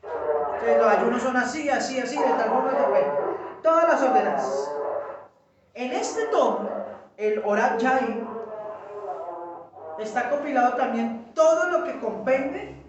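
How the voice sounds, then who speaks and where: A man teaching a small group in a relaxed way, explaining step by step and checking in with his listeners. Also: extremely high pitch, a little slow, long pauses, highs cut off, over a noisy crowd. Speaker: Bible study teacher. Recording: echoey room, mic far off.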